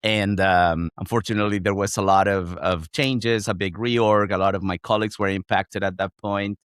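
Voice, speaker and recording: A man's voice: low voice, fairly even intonation, normal speed, a bit bright, clean tone, dry recording, clean studio sound. A man from Chile with a Chilean Spanish accent, speaking English as a second language. He talks as a podcast guest, reflective and thinking aloud with frequent restarts. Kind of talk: conversational interview.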